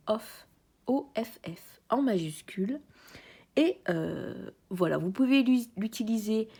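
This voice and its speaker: A French-accented woman chatting cheerfully in a casual unboxing video, sometimes dropping to a soft whisper. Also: mid-range voice, breathy edge. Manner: bubbly, chatty, drops to soft whispers at times. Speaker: crafts YouTuber.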